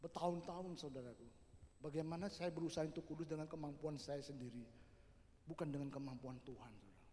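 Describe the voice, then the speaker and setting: A middle-aged man from Indonesia preaching a sermon as a pastor, building from quiet personal testimony to shouted declarations. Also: on the high side, fast talker, slight background noise. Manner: preaching with rising shouts and repeated "saudara" tags. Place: large church hall. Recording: echoey hall reverb.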